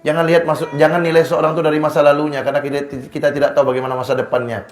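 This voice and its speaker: A man teaching an Islamic study sermon in a lively way, booming at some points and dropping to a hush at others. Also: racing, roomy sound. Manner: animated, shifts between loud emphasis and hushed low lines. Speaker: religious teacher. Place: Islamic boarding school hall.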